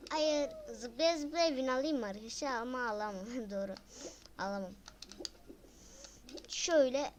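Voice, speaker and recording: A woman giving casual gameplay commentary, excitable and repeating words in quick bursts, with loud frustrated outcries. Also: sits high, slight background noise. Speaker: gaming video creator.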